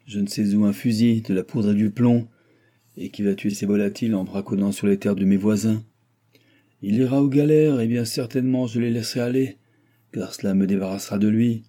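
A man's voice: lowish voice, warm tone, lightly acted. A man voicing a choleric, sarcastic old nobleman who has lost his fortune, talking in a blustering, mocking way.

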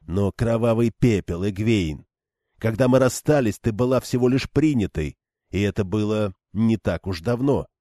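A man's voice: lowish voice, moderate pace, dark tone, no room sound, clean studio sound, natural voice. A man playing a stubborn young swordsman who talks in an earnest, pressing way. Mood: insistent.

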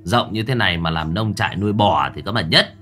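A man's voice: sits low, lively intonation, a little fast, pushed and bright. Man doing a wry, chatty young ghost hunter.

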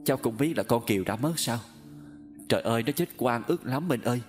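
A man's voice: mid-range voice, expressive, brisk, faint music behind, close to an everyday voice. A man voicing a grieving elderly woman who speaks through tears, in a storybook reading. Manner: wailing, tearful speech.

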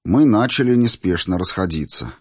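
A male audiobook narrator with a low, husky voice, reading in a measured, even way. The recording is dry and close, with no room sound. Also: dry recording.

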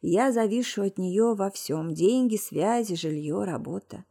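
A woman voicing a young man, a hoarse and possessive lover, in a low, hushed audiobook voice. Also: a little slow.

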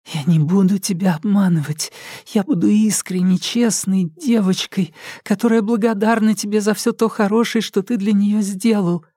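A man's voice: high voice, steady tone, normal speed, warm tone, dry recording, studio quality, voice pushed up. Trembling childlike captive girl, voiced by a man. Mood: frightened pleading. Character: frightened young woman captive, timid, pleading.

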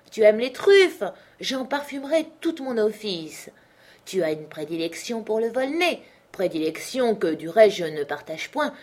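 A woman voices a wealthy old gentleman in a spoken storybook, blunt and used to having his way. He presses his offers and demands with brusque insistence. Her voice is slightly husky, with a mid-range pitch. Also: natural voice. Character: wealthy old man, blunt and generous host.

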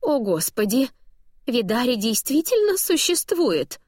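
A woman's voice: a little high, big pitch swings, measured pace, no echo, studio quality, voice pushed up. A woman voicing an angry, suspicious woman tourist who hurls accusations in an audiobook. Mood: accusing. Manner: accusing, sharp outbursts. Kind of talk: audiobook dialogue.

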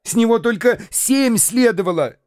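An actor voicing a timid, excitable young man in a radio play. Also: extremely high pitch, normal speed, clear, resonant tone, no echo, clean studio sound, voice pushed up. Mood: pleading.

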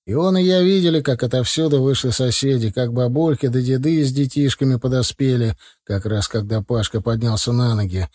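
Man, audiobook narrator, mid-pitched voice, dry close recording, measured reading. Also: darkish tone, no room sound. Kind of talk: scripted narration of a novel.

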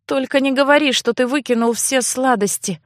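A woman playing a shrill, defiant young noblewoman. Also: moderate pace, no echo, studio quality, close to an everyday voice. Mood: queasy whiny. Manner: shrill, indignant, shouting. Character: fiery young noblewoman, defiant and hot-tempered. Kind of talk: audiobook character voice.

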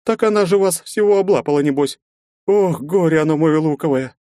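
A man voicing a flustered village mother who scolds loudly and exasperatedly. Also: high-pitched, big pitch swings, fast, no echo, clean studio sound, pitched above the performer's own voice. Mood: indignant scolding.

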